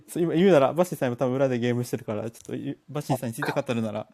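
A man's voice: mid-range voice, vocal fry, dark tone. A man chatting eagerly as a guest on a podcast, laughing often. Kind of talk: casual chat. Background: background music.

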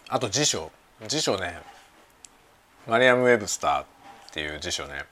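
A man hosting a casual chat show, talking in a relaxed, rambling way over lunch at home. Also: deep voice, moderate pace. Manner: relaxed rambling talk while eating lunch. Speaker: podcast host. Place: home kitchen with everyday sounds. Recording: faint household background noise.

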